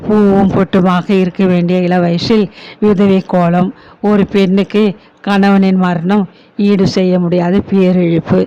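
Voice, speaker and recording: A man voicing a grieving older widowed aunt who gently consoles her niece in an audiobook story. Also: high voice, little pitch movement, unhurried. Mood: consoling. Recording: dull lo-fi recording.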